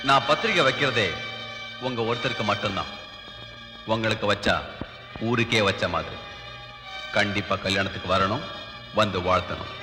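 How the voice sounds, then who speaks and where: An actor playing an arrogant, scheming male rival who speaks in a slow, menacing, mocking way. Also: lowish voice, big-room sound, over music, close to an everyday voice. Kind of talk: 1990s film drama dialogue.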